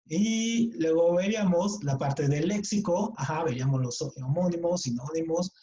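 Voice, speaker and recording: Mexican male teacher, middle-aged, relaxed mellow tone, chatty lecture with restarts. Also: a little high, moderate pace, highs cut off. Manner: casual, chatty, frequent restarts and repeated words. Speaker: writing workshop teacher. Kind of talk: online class lecture.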